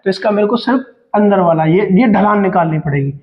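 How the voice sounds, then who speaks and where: A man's voice: high-pitched, a little fast, highs cut off. A man teaching maths, working calculations step by step in a talkative way, calling his students "beta" and asking and answering his own questions. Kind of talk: explaining step-by-step calculations on a board.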